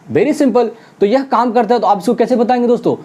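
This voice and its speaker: Mellow-voiced teacher drilling examples. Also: medium pitch. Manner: addresses viewers as friends, asks and answers its own questions; repeats English example sentences slowly, word by word. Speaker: spoken English teacher. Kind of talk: online classroom lesson.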